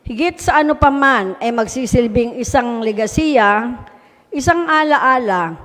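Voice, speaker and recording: A woman's voice: on the high side, animated, a little slow, a bit bright. A woman, a mayor, earnestly telling a personal testimony to an audience in a polite, respectful way. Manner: polite, earnest storytelling with frequent respectful particles. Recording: long hall reverb.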